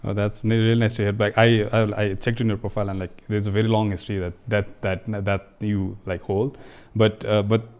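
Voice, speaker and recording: Young male podcast host; very deep voice, quick pace; friendly, hesitant, leans on fillers. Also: flat delivery, darkish tone. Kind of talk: casual interview hosting.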